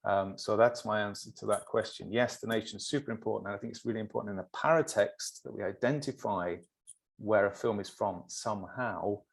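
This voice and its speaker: A man's voice: on the low side, brisk, creaky, breathy edge. Man from England, thinking aloud in an academic talk. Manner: thoughtful, reflective, searching for words. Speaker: film studies professor, guest speaker. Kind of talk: academic discussion.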